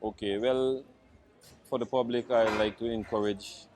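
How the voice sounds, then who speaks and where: A man from Saint Kitts with a Kittitian accent, giving casual, halting interview answers as a market vendor. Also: mid-range voice, fairly even intonation. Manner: halting, pausing often. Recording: busy crowd chatter behind. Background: crowd at a public market.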